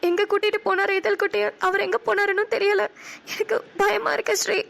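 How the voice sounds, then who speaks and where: Woman doing a crying young cartoon mom, super high squeaky voice, kinda gravelly. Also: level tone, brisk, fairly bright tone, full character voice. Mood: anxious. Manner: tearful, pleading. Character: young mother, anxious and heartbroken.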